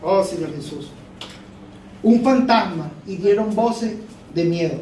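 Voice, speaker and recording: A male preacher with a lilt delivers a fervent sermon in a strikingly high voice. He circles back on his phrases for emphasis. The sound reaches a distant mic in a reverberant church hall over a faint hum. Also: moderate pace, warm tone.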